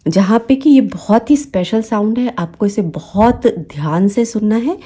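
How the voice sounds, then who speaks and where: A woman with a Hindi accent, teaching English phonics. She says each example word slowly and repeats it several times. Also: mid-range voice, mellow, husky. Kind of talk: slow, deliberate teaching with repeated example words.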